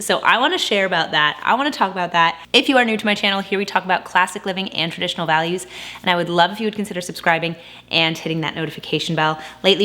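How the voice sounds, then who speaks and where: Bright, chatty woman vlogger. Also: fairly low pitch. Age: 30s. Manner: chatty, upbeat, frequent laughs. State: slightly out of breath. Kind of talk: casual chat to camera.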